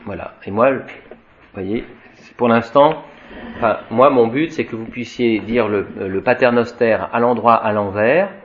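A man at a middle pitch lecturing a Latin class, reading passages from a textbook and stopping to explain them in his own words. He drawls Latin words slowly and chants declensions, often restarting his sentences. The recording is dull and lo-fi. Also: a little hiss or hum. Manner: slow explanatory, tags sentences with "hein" and "voyez", frequent restarts. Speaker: Latin teacher.

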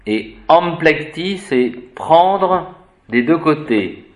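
A man giving an unscripted etymology lesson, spelling words out letter by letter and pausing to search for the right term. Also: fairly high pitch, expressive. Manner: hesitant, searches for words with fillers. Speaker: etymology teacher.

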